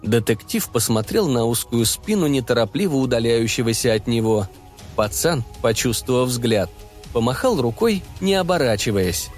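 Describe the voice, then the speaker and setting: A man narrating an audiobook in an expressive, wry way. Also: medium pitch, moderate pace, faint music behind.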